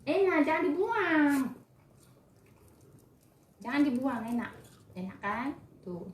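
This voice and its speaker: A woman's voice: sits high, very animated, slow. Doting woman coaxing her pets, echoey. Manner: doting, coaxing baby-talk. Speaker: pet owner. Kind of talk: casual talk to pets. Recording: echoey room.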